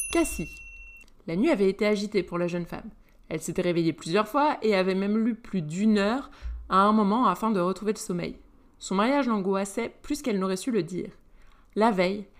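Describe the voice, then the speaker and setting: A woman reading a romance novel aloud in a lively, animated way. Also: mid-range voice. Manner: lively, animated, voices all characters. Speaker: narrator.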